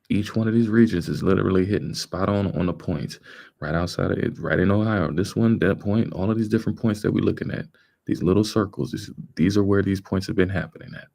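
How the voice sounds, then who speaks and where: A very deep-voiced man delivers casual live commentary. His voice is gravelly and a little husky, and he leans emphatically on repeated phrases in colloquial speech. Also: darkish tone. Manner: emphatic, repetitive, colloquial with mild swearing. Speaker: livestream host commenting on a video.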